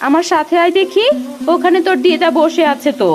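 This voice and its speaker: A woman's voice: extremely high pitch, steady tone, fairly quick, slight background noise. A woman voicing a practical, caring village mother in a cartoon, talking in a bustling, scolding, motherly way. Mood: fussing.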